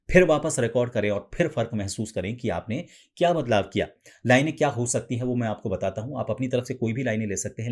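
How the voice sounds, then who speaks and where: A man with an ordinary mid-range voice teaches voice practice in a calm, methodical way. He walks through each day's exercise and sometimes lifts his pitch to model a lighter, softer delivery. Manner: patient, step-by-step explaining, demonstrates lines in a raised feminine pitch. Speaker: voice coach. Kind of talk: instructional explanation.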